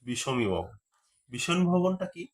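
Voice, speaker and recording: A man's voice: on the high side, very animated, measured pace. Man teaching a grammar class. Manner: repeats terms, asks rhetorical questions. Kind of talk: Bengali grammar lesson.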